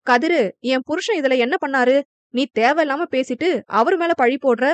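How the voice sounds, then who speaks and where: A woman's voice: sits high, moderate pace, dry recording, close to an everyday voice. A woman voicing a feisty young wife scolding her brother-in-law.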